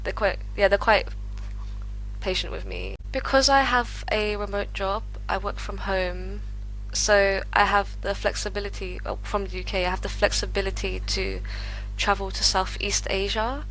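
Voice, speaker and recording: A young woman with a British accent, chatting as an interview guest, talking quickly with many fillers and frequent laughs. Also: medium pitch, steady tone, vocal fry, fairly bright tone, soft background music, low-quality recording. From United Kingdom. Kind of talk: casual interview chat.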